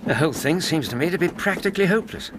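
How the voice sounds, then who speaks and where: An actor playing a loyal, good-natured, sceptical doctor in a radio drama, conversational and questioning, with an English accent. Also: male voice, on the high side, animated, very fast, lightly acted. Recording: clearly noisy, busy background ambience.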